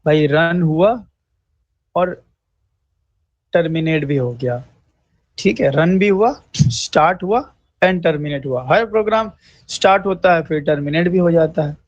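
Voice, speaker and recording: Slow, deliberate male coding teacher. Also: a little high, no echo. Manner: slow, repetitive, checks in with "thik hai" often; clears throat now and then. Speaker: programming teacher. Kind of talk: screen-recorded coding lesson. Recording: dry, slightly dull mic.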